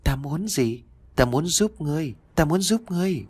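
A man's voice: a little high, expressive, moderate pace, a little mellow, breathy edge, no room sound, pitched above the performer's own voice. A man voicing an eerie ghost child who taunts a boy in a horror story. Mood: taunting.

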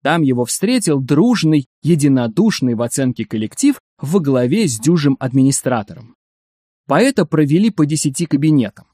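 A man reads a story aloud with a wry, expressive delivery. His voice is a touch high and swings animatedly in pitch. The recording is dry, with no room around it. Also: normal speed, no echo. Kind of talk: scripted story narration.

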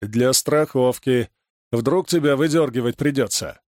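A man voicing a calm, practical grown man in an audiobook reading. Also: mid-range voice, measured pace, dry recording, studio quality, close to an everyday voice.

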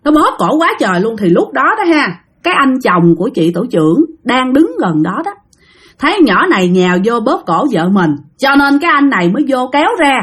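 A woman's voice: fairly high pitch, big pitch swings, brisk, breathy edge. A woman with a Southern Vietnamese accent telling a ghost story in a chatty way, speaking directly to her listeners. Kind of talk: spoken ghost story narration.

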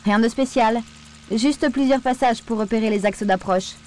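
An eager, restless young woman at the controls, earnest and a little tense, voiced by the woman who reads the story. Her lines sit higher and brighter than the narration. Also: normal speed, slight background noise, lightly acted. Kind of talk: audiobook character voice.

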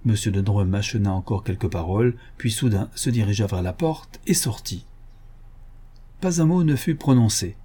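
A man narrating a classic detective story in a measured, even storytelling manner. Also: fairly low pitch, husky. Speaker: audiobook narrator. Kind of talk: scripted literary narration.

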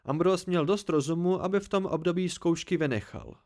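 A man's voice: high-pitched, a little mellow. Guy doing dry terse student, short replies, audiobook. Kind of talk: amateur audiobook reading.

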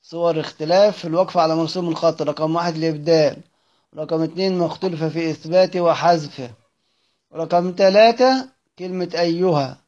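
A man's voice: fairly high pitch, brisk, darkish tone. A man with an Egyptian accent teaching a class, reading from a text and explaining each point step by step, asking questions and answering them himself. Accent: Egyptian Arabic. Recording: muffled lo-fi recording.

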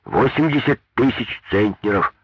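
A male reader voices a gray-haired road-works foreman who grumbles back defensively. His voice is husky. The sound is dull and dry. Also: medium pitch, normal speed, no room sound, voice pushed up.

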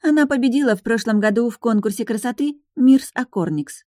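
A woman voicing an excitable, gossipy young woman in an audiobook, lively and talkative. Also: on the high side, fairly quick, no echo, clean studio sound, voice pushed up, natural voice.

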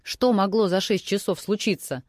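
A woman reading aloud voices a hoarse, hungover middle-aged man who barks and shouts at his ex-wife. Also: high-pitched, moderate pace, no echo, clean studio sound, lightly acted. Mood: barking angry. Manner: barking, shouting.

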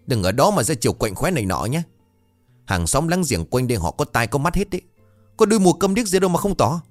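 A man's voice: on the high side, very animated, quick pace, no room sound, faint music behind, voice pushed up. A man voicing a fed-up young village wife who scolds her mother-in-law sharply. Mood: indignant.

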